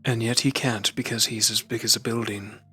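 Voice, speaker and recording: A man's voice: medium pitch, fairly even intonation, fairly quick, sharp tone, husky, faint music behind. A man voicing a haughty, self-assured student with a dry, superior manner, in character during a tabletop game.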